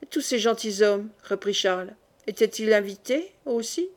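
A woman voicing a suspicious, stern young French king who questions his court in a probing, quietly menacing way, in an audiobook. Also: mid-range voice, moderate pace, close to an everyday voice.

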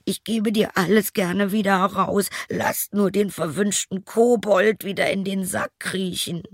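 A man voicing a greedy, sly innkeeper in a storybook tale, muttering low, then pleading in a high voice. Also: fairly even intonation, measured pace, no room sound, studio quality.

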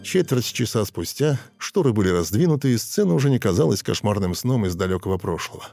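A man narrating a dramatic audiobook in a measured, expressive way. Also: fairly low pitch, gravelly, no echo. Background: soft music.

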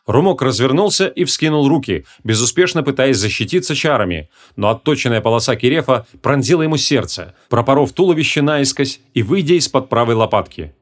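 A man narrating a humorous fantasy audiobook in an expressive, dramatic storytelling manner. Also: medium pitch, brisk, few pauses.

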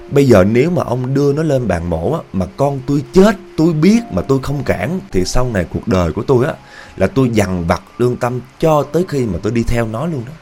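A man's voice: mid-range voice, darkish tone, pitched above the performer's own voice, natural voice. A man voicing a desperate old grandmother who pleads through tears. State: crying.

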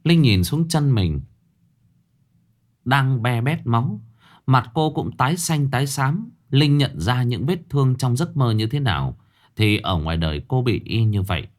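A man narrating a horror story in a dramatic, expressive scripted style. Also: medium pitch, unhurried.

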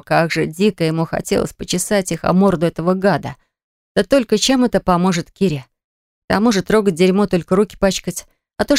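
Audiobook reader, steady expressive storytelling, smooth voice, super dry close recording. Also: mid-range voice, no room sound. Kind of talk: scripted audiobook narration.

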